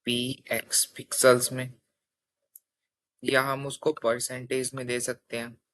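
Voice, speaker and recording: Bright-voiced man explaining step by step. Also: medium pitch, level tone, takes it slowly. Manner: explains step by step, often checks with "theek hai". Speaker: coding teacher. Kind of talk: casual spoken tutorial.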